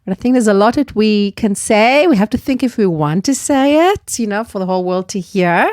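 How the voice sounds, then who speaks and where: A woman's voice: medium pitch, lively intonation, a little mellow, dry recording, studio quality. A woman hosting a podcast, chatty and laughing easily, who races through her wrap-up. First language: Hebrew. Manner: chatty, laughs often, rapid in the outro. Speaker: podcast host. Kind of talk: casual chat, then a quick spoken outro.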